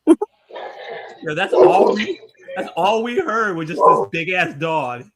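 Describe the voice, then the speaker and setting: A man in casual chat, telling a story excitably with many fillers. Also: high-pitched, slow pace, a loud crowd. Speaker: podcast co-host.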